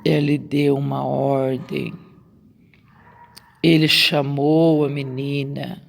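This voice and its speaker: Brazilian lady preacher, slow and gravelly, repeats herself a lot, echoey reverb. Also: extremely low pitch, flat delivery. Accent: Brazilian Portuguese. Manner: repetitive, emphatic, asks rhetorical questions. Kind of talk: sermon on a Bible story. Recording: long reverb.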